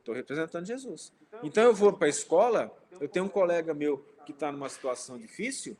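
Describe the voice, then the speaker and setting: A man's voice: fairly high pitch, expressive, fairly quick, a little mellow. A man giving an informal spiritist talk, telling personal stories, speaking directly to his listeners and acting out quoted dialogue. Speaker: spiritist lecturer.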